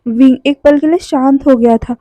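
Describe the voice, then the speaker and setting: Woman storyteller narrating fan fiction, mellow, dry close sound. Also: high-pitched, fairly even intonation, moderate pace, no echo.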